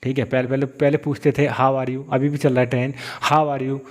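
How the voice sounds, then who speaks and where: A man's voice: mid-range voice, level tone, normal speed, a little mellow. A man teaching English grammar, repeating and restarting phrases as he explains step by step. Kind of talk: classroom-style grammar lesson.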